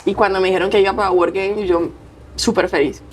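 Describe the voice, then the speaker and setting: A woman's voice: medium pitch, fairly quick, husky, faint music behind. Tearful young Colombian woman athlete. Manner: expressive, acts out quoted voices. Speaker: athlete guest. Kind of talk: emotional interview storytelling.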